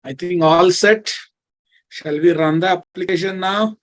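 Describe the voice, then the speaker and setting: A man's voice: sits high, a little slow, fairly bright tone, no room sound. A man with a Telugu Indian accent teaching a live coding lesson, repeating his phrases and often checking in with his students. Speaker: programming teacher.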